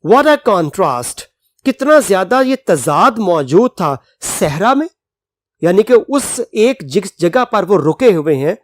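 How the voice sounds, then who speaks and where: An English teacher who reads a text aloud slowly, explains it at length and spells words out letter by letter. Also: medium pitch, no echo.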